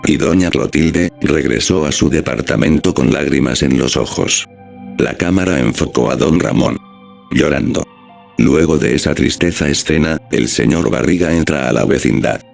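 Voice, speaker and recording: A man narrating a scripted horror story in a flat, steady storytelling manner. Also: a bass voice, normal speed, creaky. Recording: music playing underneath.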